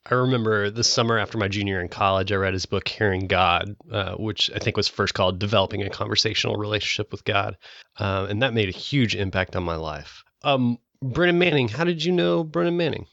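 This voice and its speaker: A man's voice: lowish voice, steady tone, fairly quick, vocal fry, fairly bright tone, no echo, highs cut off. A man hosting a podcast, reading an upbeat scripted intro, then interviewing a guest. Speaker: podcast host.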